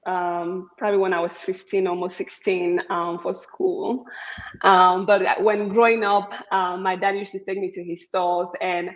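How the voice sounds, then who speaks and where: A young woman from Cameroon, answering on a panel as a startup founder in a measured way with many pauses. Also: lowish voice, level tone. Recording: dull lo-fi audio.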